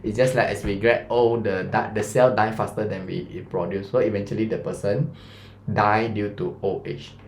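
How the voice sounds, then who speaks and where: In a reverberant space with a little hiss or hum, a man in his thirties leads a science revision lesson in Malaysian English. He is chatty, quizzes the class, and leans on fillers like "lah" and "mah." His voice is lowish and darkish, with fairly even intonation at a normal speed.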